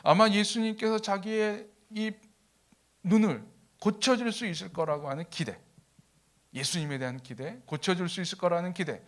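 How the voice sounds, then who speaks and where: A man's voice: high voice, normal speed. A male pastor preaching a sermon in a conversational storytelling way, acting out the quotes in his story. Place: church, Friday evening service.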